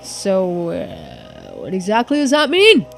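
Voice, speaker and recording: Reading game character dialogue with music playing behind her, a woman gives an eager, genteel investigator florid, exclamatory speech. Her medium-pitched voice is gravelly and exaggerated, swooping wildly in pitch at a slow pace, and the mood is eager and delighted.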